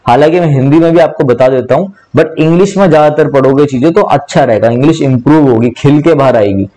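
Man teaching vocabulary with a mellow voice. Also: a little high, fast, poor audio. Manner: explains with repetition, spells words out letter by letter; mixes English words into speech. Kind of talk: online vocabulary lesson.

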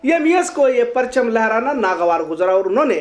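A woman with a high, light voice reads a scripted news commentary. She sounds earnest and moralizing as she editorializes, keeping a steady presenter's delivery. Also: moderate pace.

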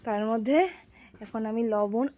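A young woman with a heavy cold, speaking softly and chatting to viewers in a cooking vlog. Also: fairly high pitch, steady tone, unhurried. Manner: chatty, addresses viewers directly. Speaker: vlogger. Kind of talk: casual cooking vlog narration.

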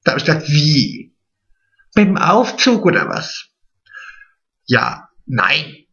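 A man's voice: on the high side, very animated, slow pace, creaky, bright, forceful tone, lo-fi sound, heavily acted. A man doing a gossipy housewife. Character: gossipy middle-aged woman, vain, chatty and naive. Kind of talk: drag comedy monologue to camera.

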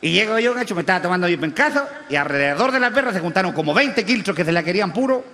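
A man playing a crude, rowdy rural Chilean huaso in a stand-up character monologue, speaking with a Chilean accent, full of coarse slang and shouted punchlines. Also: high-pitched, expressive, very fast, a little hiss or hum, exaggerated voice. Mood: boastful. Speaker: comedian in character. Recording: live stage with long reverb.

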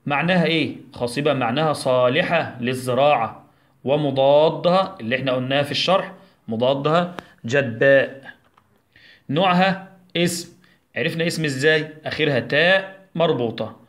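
A man with an Egyptian Arabic accent teaches a recorded lesson for small children in a medium-pitched voice. He poses questions and answers them himself. He stretches out each syllable slowly as he drills the sounds. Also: a bit bright. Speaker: primary school teacher.

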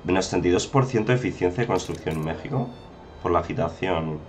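A man's voice: low-pitched, fast talker, soft background music. A man giving chatty, casual commentary over a strategy game, often exclaiming and talking to viewers. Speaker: gameplay commentator.

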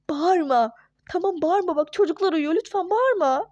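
A woman voicing a young wife and mother in a home-made toy-game role-play, scolding and hushing her husband. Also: extremely high pitch, dry recording, lo-fi sound, full character voice. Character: young wife and mother, hurt but firm and sensible.

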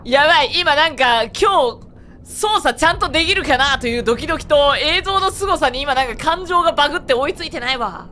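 A woman streaming a first playthrough of a game, gushing with loud excited exclamations, just woken up. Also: high voice, brisk, a little hiss or hum.

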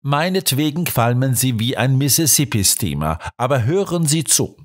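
A man voicing an excitable, blustering male police inspector who grumbles and flares up quickly. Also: medium pitch. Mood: eager. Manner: gruff, quick to anger.

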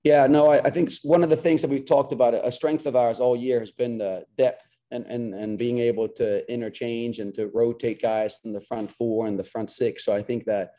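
A man in his forties, head coach of the team, fields post-game press conference questions by webcam on a video call from a small locker room. He's earnest and restarts sentences by repeating words, his mid-range, dark voice moving at a moderate pace with fairly even intonation and few pauses.

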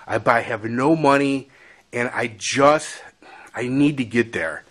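A man's voice: medium pitch, slow pace, a bit bright. A man quoting a broke young musician begging. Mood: pleading. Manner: pleading, earnest.

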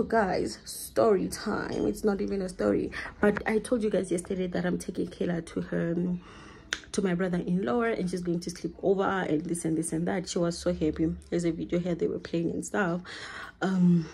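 Mom vlogging at home, chatty and rambly, low gravelly voice, faint hiss behind. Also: female voice, steady tone, moderate pace, warm tone. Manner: chatty and rambling, talking to camera while doing chores. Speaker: vlogger and mother. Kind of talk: casual home vlog chat.

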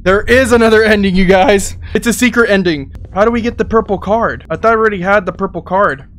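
A man's voice: sits high, fairly quick, a bit bright, slight background noise. A young man giving casual let's-play commentary, thinking aloud in a jittery, exclamatory way. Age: young adult. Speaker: gaming video host. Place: small indoor gaming setup.

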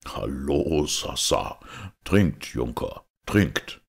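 Man putting on gravelly outlawed knight. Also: lively intonation, exaggerated voice. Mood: hearty. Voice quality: deep gravelly rasp. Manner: solemn, weighty, slow delivery. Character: outlawed middle-aged knight, proud, brooding, hospitable. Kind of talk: audiobook character voice.

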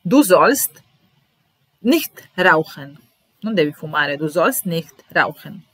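A woman teaching a German vocabulary lesson to Italian speakers, saying each word slowly and repeating it with translations and example sentences. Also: deep voice, expressive, no echo.

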